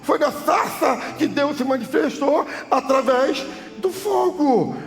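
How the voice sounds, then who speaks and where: A male pastor with a Brazilian Portuguese accent preaching a sermon, swinging from loud cries to soft, hushed tones. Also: very high voice, lively intonation, takes it slowly. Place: church hall. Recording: church hall reverb with music behind.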